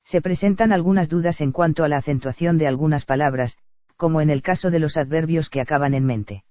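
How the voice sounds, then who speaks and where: A man reading a grammar lesson aloud in a steady, even lecture delivery. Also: on the high side, fairly quick, dry recording. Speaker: teacher. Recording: dull lo-fi dry recording.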